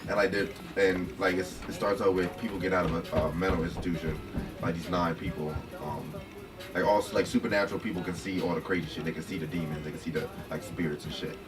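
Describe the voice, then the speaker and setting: A man's voice: low-pitched, fairly even intonation, fast talker. A young man from Reading, Pennsylvania, a guest talking in a loose, slangy, profane, rambling way. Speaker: guest, show creator. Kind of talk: casual chat. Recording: distant mic with music playing.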